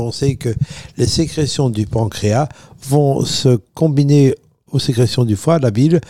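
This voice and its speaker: A man's voice: medium pitch, mellow, dry recording, studio quality. A man with an Italian accent, a nutrition expert on a radio talk show, joking around and slipping Italian words into his explanations. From Italy. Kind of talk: radio chat, explaining health topics.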